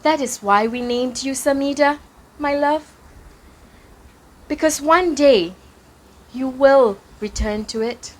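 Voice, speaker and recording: A woman doing a soft-spoken sighing father. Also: high-pitched, slow, long pauses. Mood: wistful. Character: wistful gentle father longing for homeland.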